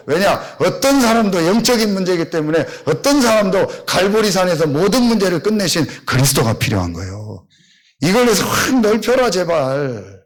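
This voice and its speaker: Man, pastor; somewhat high, animated voice; blunt, questioning sermon delivery. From Seosan, South Korea. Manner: blunt, scolding, rhetorical questions to the congregation.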